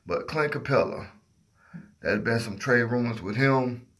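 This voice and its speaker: A man's voice: medium pitch, animated, measured pace, a bit bright. A sleepy man hosting a casual sports livestream, giving his opinions while half asleep and groping for words as his train of thought drifts. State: sleepy, half asleep after working all night.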